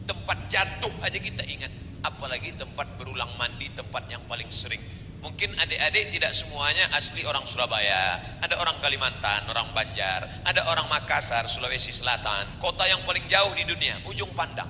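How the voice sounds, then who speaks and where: A man preaching a sermon in a large mosque, animated and dramatic in his storytelling. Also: mid-range voice, a little fast. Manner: animated, dramatizes stories and chants verses. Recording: long reverb of a large hall, faint noise.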